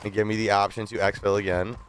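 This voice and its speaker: Low-pitched and quick, with little pitch movement and a somewhat bright tone, a young man streams games from a desk, explaining tips casually in slang and repeating himself. The low-quality close-mic recording carries video game gunfire, vehicle noise and ambience from his small streaming room.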